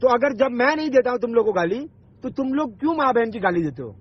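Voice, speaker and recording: Husky yet very high, his voice is expressive and quick as he fights over the phone, confrontational and insistent, swearing and repeating himself. The speaker is an online video maker, heard through a dull, lo-fi phone call recording.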